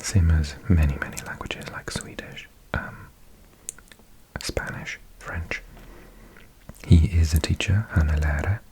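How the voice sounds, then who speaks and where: A man whispering softly in a slow ASMR study session, thinking aloud close to the microphone as he sounds out words. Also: rumbling low, fairly even intonation. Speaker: ASMR creator.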